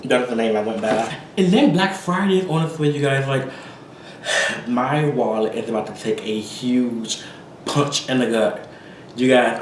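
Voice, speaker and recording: A man's voice: medium pitch, reverberant, distant mic, a little hiss or hum, poor audio. A tired young man vlogging casually, rambling and apologetic with many fillers after a big meal. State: tired, full from eating. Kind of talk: casual chat to camera.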